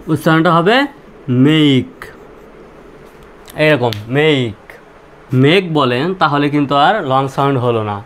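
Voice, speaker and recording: A man's voice: on the high side, a little hiss or hum. A male teacher explains pronunciation rules step by step. He repeats himself and asks questions, then answers them himself. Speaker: English teacher. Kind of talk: spoken language lesson.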